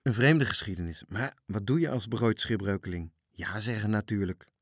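Man, storybook narration, low voice, measured and expressive, dry close recording. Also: breathy edge, no room sound. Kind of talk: storybook reading.

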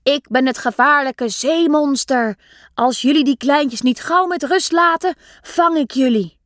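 A woman's voice: high voice, a little slow, dry recording, clean studio sound. A woman voicing a big boy pretending to be a scary sea monster in a storybook. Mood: threatening. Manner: mock-scary, growling.

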